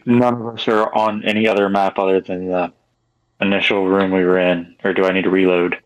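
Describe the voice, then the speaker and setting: Low-voiced playful man player. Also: level tone, fairly quick, highs cut off. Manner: playful, laughing, bluffing in character.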